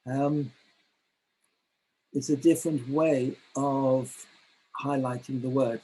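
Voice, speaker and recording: A man presenting a teacher-training webinar, speaking in a halting way with many fillers and restarts. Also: medium pitch, steady tone, dark tone, husky, rough recording. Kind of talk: webinar lecture.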